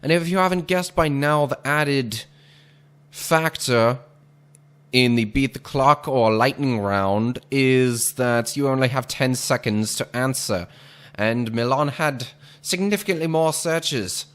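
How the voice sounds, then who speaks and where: A man's voice: medium pitch, slow, a bit bright, smooth. Man doing a formal old-time 1940s radio announcer. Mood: formal, musing. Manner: formal, wordy, theatrical announcing.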